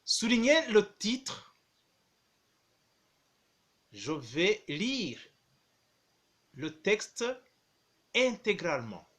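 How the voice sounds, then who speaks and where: A high-voiced man dictates as a primary school teacher would, at an extremely slow pace. He repeats each phrase in small chunks and speaks the punctuation marks out loud. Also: sing-song. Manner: dictating deliberately phrase by phrase, punctuation spoken aloud.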